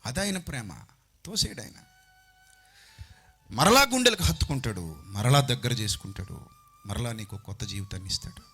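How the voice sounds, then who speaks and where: A man preaching a sermon into a handheld mic on stage, impassioned, swinging from loud outbursts to hushed pleading. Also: mid-range voice, sing-song, moderate pace, pauses often, breathy edge, soft background music.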